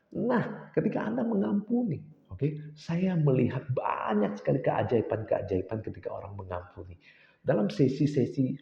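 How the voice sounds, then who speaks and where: A man's voice: fairly low pitch, creaky. A man speaking as a motivational coach, talking emphatically with many rhetorical questions and repeated phrases. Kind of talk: motivational talk to camera. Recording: roomy hall echo, dull lo-fi sound.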